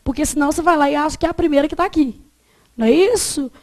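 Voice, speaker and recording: A woman's voice: high voice, very fast. A woman with a Brazilian accent teaching a Portuguese grammar lesson in a classroom, often quizzing her students with check questions.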